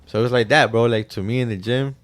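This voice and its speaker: A man's voice: mid-range voice, fairly even intonation, fast talker, no room sound. A young man co-hosting a podcast, telling a story in slang, full of "like" and "bro". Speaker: podcast co-host. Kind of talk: casual chat.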